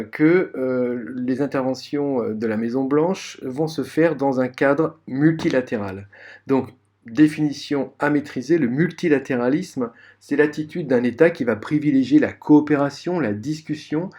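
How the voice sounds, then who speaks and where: A man's voice: medium pitch, darkish tone. Male teacher, recorded lesson, hesitant explanatory delivery, speaks to students directly, lots of fillers. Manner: hesitant, many fillers and restarts. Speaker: history teacher.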